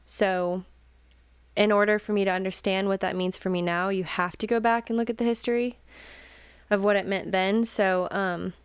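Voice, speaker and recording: A young woman co-hosting a casual podcast chat, thinking out loud with many fillers and the odd joking aside. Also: mid-range voice, steady tone, moderate pace, clean tone, dry recording. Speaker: podcast co-host.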